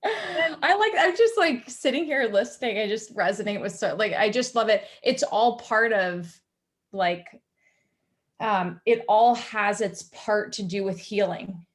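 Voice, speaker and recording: A woman's voice: mid-range voice, steady tone, unhurried. A woman physiotherapist in her thirties talking frankly on a video call panel, with plenty of "like" and "you know". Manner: frank, filler-heavy, many "like" and "you know". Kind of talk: casual panel chat.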